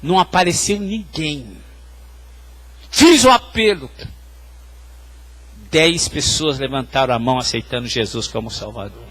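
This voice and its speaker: A man's voice: medium pitch, animated, a little slow, long pauses, a bit bright. A male pastor preaching a sermon, telling stories and speaking directly to the congregation. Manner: tells hospital stories, addressing the congregation directly.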